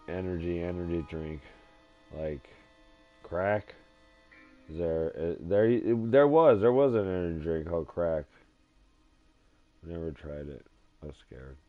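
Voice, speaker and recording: A man live-streaming a game from his dim living room, rambling in a sleepy, drowsy monotone. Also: deep voice. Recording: dull lo-fi stream audio with faint music.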